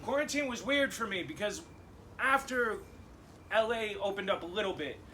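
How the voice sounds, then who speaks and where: A man's voice: sits high, animated, normal speed, sharp tone, recorded from a distance. A young man doing a loose stand-up set, swearing and laughing through his punchlines, on a handheld stage mic. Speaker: stand-up comedian. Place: comedy club stage with live audience. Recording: live room noise clearly audible.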